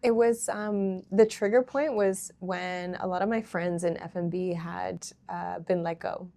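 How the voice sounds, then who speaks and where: A young woman founder in a casual interview, relaxed and chatty, with many ums and easy laughs. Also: on the low side, measured pace, gravelly. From Hong Kong. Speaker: startup founder, interview guest.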